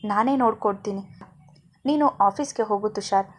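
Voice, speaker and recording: A gentle young mother in a storybook, calm and caring, her speech soft and steady. A woman narrator gives her voice, staying close to her own natural tone. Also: medium pitch, a little fast, close to an everyday voice. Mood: reassuring.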